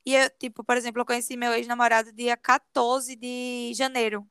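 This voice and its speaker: A woman telling a personal story to a friend in a confiding, animated way. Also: on the high side, fairly quick, clean tone, no room sound, clean studio sound. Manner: animated confiding storyteller, often says "amiga". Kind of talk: casual storytelling chat.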